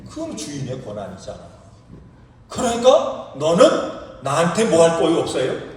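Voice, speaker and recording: A male pastor preaching a sermon in a church, asking the congregation rhetorical questions in an animated way. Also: a little high, normal speed. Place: church sanctuary. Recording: echoey hall, distant mic, faint hiss.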